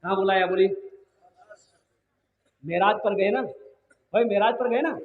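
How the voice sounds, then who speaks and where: Man from Kolkata, humorous preacher, very high pitch, roomy echoey hall. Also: unhurried, narrow, tinny audio. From Kolkata, India. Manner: storytelling, urging the crowd to answer. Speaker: Islamic preacher. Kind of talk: humorous religious sermon. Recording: echoey hall with long reverb.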